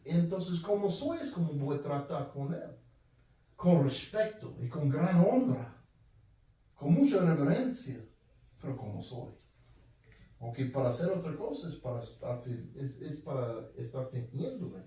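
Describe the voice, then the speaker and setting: Earnest and direct, a high-voiced man with a warm tone delivers a sermon, repeatedly returning to his own phrases. The mic is well away from him, and his words ring through a strongly reverberant room.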